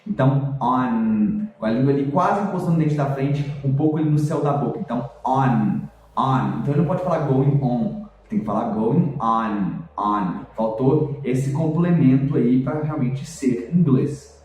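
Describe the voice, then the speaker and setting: A man, an English teacher, explaining pronunciation points in a chatty, lively way and demonstrating sounds. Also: fairly high pitch, very echoey, far from the mic, rough recording. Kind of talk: explanatory video lesson.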